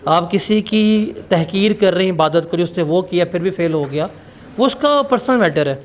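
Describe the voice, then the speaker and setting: A man's voice: high voice, lively intonation, moderate pace, a little hiss or hum. A male teacher giving a classroom lecture in a blunt, scolding, emphatic way.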